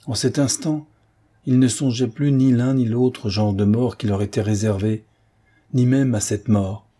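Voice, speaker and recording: A man giving grave, measured narration of a classic novel. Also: medium pitch, fairly even intonation, dark tone, husky. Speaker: audiobook narrator. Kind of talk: scripted literary narration.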